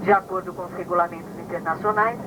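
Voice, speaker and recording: A flight attendant, a woman, making a formal plane cabin announcement to passengers in a measured tone, recorded inside an aircraft cabin. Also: lowish voice, steady tone. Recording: archival onboard recording with loud engine noise. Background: loud aircraft engine roar.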